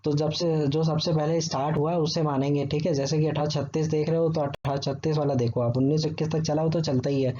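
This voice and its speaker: A man walks students through a history lesson in a patient, explanatory way, checking in with them often. His voice sits a little high but sounds mellow and relaxed. The recording is dull and lo-fi, with faint noise underneath. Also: fast talker, few pauses. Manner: explanatory, repeats "ठीक है" often. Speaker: teacher. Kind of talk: exam-prep history lesson.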